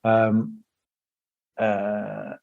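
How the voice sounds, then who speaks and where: A man's voice: fairly low pitch, monotone, extremely slow, creaky, a little mellow. A man co-hosting a podcast in casual chat, hesitant and rambling with lots of ums. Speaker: podcast co-host. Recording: slightly dull, muffled sound.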